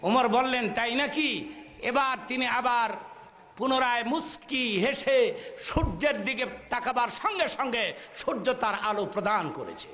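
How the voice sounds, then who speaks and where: A high-voiced man preaching a Bengali sermon to a gathering. He acts out the quoted figures, chants Arabic phrases in a sing-song way and calls on the crowd to answer. The recording is dull and lo-fi, with a booming public-address echo. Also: animated, a little slow, sharp tone.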